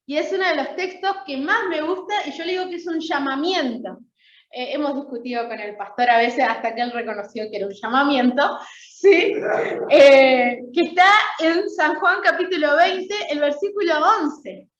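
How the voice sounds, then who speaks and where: A woman's voice: high-pitched, moderate pace, a bit bright, a little hiss or hum. A woman preaching an Easter week sermon in a church, talking in a conversational way and often checking in with her listeners. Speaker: lay preacher. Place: church sanctuary. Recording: echoey, dull church sound.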